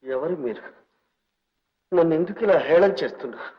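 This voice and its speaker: A man's voice: fairly high pitch, expressive, brisk, natural voice. An actor playing a destitute, broken old man who was once rich, speaking in a tearful, pleading, grieving way in an old film scene. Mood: weary broken. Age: older. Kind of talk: 1950s Telugu film acting. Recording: dull old film soundtrack, faint music.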